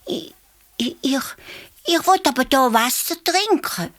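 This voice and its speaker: A tearful, high baby elephant. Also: female voice, animated, measured pace, a bit bright, no room sound. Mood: timid. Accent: Swiss German. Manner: stammers, whiny. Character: young elephant calf, timid and tearful.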